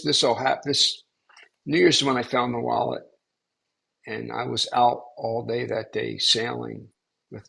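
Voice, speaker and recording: A man's voice: mid-range voice, creaky, fairly bright tone, husky. An older man, a spiritual teacher, tells a story to a small class in a rambling way, with many restarts and fillers.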